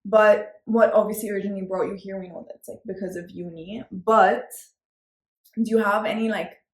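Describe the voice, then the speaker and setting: A woman's voice: medium pitch, fairly even intonation, normal speed. A young woman hosting a podcast in an upbeat, chatty way, with many fillers. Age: young adult. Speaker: podcast host. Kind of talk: casual chat. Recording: roomy echo.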